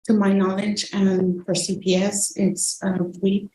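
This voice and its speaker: A woman testifying as a witness in a courtroom recording, speaking softly and pleading. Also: medium pitch, level tone, measured pace. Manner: pleading, soft-spoken. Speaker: witness, defendant's mother. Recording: echoey courtroom audio from far off, faint noise.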